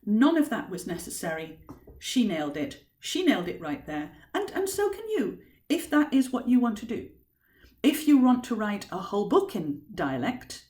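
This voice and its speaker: A woman's voice: mid-range voice, darkish tone. A woman author giving an informal teaching talk on writing, thoughtful and emphatic as she explains. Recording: roomy echo.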